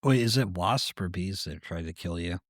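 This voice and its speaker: A man co-hosting a podcast in casual banter, teasing his partner, laughing easily and jumping into high mock outrage. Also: normal speed, dry recording, studio quality. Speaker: podcast co-host.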